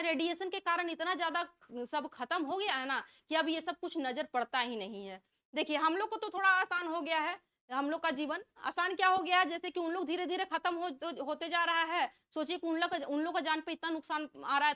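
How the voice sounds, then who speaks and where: High bright-voiced woman teacher. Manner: asks questions and repeats them before answering; reads out multiple-choice options. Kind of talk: online exam-prep vocabulary lesson.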